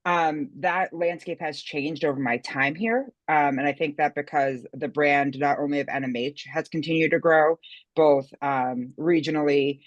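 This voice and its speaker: A woman's voice: deep voice, steady tone, normal speed, no echo, muffled recording. A woman who coaches basketball speaks on a webinar panel over a video call, explaining with energy and earnestness. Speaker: girls basketball coach and associate dean.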